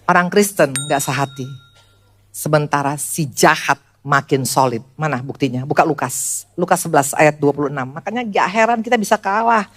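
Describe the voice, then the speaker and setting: Woman pastor in her sixties, church sermon, animated delivery, loud high call-outs and low quiet asides. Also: normal speed. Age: 60s. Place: church service before a congregation.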